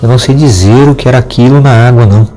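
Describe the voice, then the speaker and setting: A man narrating a first-person supernatural story as the channel's storyteller, slow and dramatic. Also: medium pitch, warm tone, faint music behind.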